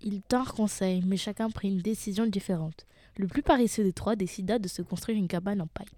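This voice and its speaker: A woman reading a fairy tale aloud in an expressive, animated storybook style. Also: mid-range voice, a little fast. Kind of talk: storybook narration.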